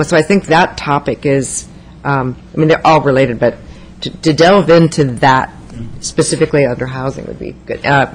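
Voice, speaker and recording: A man chairing a city meeting, pausing and repeating words as he steers the discussion into a table microphone. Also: on the high side, slight background noise, low-quality recording.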